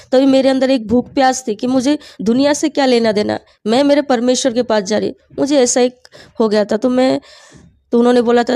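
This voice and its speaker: Earnest woman with a creaky voice. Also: high voice, warm tone, no room sound. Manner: earnest storytelling, often quoting her own prayers. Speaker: testimony speaker.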